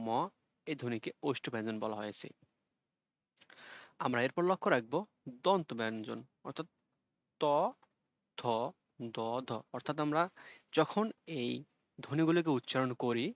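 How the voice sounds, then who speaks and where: Guy teaching online class, says each sound slow so you copy it, dry dull lo-fi sound. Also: medium pitch, no echo. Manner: explains patiently, repeats sounds slowly for students to copy. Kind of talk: online exam-prep lesson.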